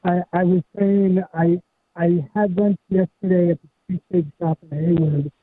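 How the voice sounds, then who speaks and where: A man calling in to a sports radio show, his voice muffled and bass-heavy over the phone line, as if underwater, stumbling excitedly over his words. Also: normal speed, no echo. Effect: muffled phone line, bass only, as if underwater. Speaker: caller. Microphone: phone call.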